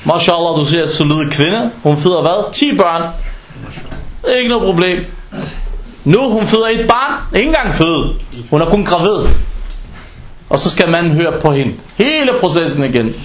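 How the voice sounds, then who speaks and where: High-voiced animated man preaching. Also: echoey room, a little hiss or hum. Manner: animated, acts out dialogues in quoted voices. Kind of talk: informal sermon.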